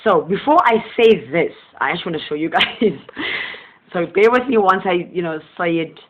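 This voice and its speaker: In an expressive, medium-pitched voice at normal speed, a host of a motivational channel talks through an informal spiritual monologue over phone-like, tinny audio. His first language is Southern Sesotho. He is gentle and earnest, tends to ramble, and chuckles often.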